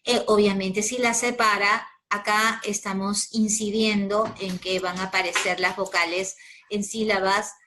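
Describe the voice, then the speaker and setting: A woman's voice: medium pitch, little pitch movement, a little slow, pushed and bright, a little hiss or hum. A woman with a Peruvian accent teaching a grammar lesson, explaining patiently step by step and checking in with her students. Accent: Peruvian Spanish. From Peru.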